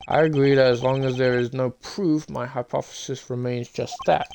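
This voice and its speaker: A man voicing a composed, formal male prosecutor, reading game dialogue aloud in a measured way. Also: mid-range voice, fairly even intonation, vocal fry, darkish tone, slight background noise, lightly acted. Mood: confident. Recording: game music behind the voice.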